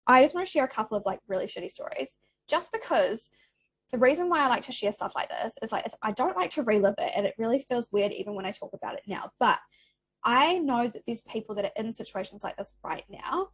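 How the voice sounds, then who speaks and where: A woman chats candidly on her podcast, swearing freely as she encourages listeners. Her voice sits a touch high. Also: lively intonation, quick pace, breathy edge. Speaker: podcast host. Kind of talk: casual chat.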